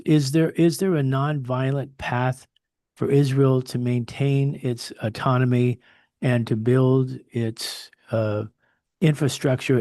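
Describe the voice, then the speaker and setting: A man's voice: mid-range voice, mellow, no echo, studio quality. A man hosting a podcast interview, asking his guest questions in an inquisitive manner. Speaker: host.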